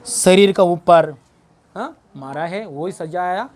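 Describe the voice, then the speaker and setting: A man's voice: high voice, takes it slowly, darkish tone. Man preaching with call-and-response. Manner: call-and-response preaching, repeats phrases, quizzes the congregation. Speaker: pastor. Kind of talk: Good Friday sermon. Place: church service.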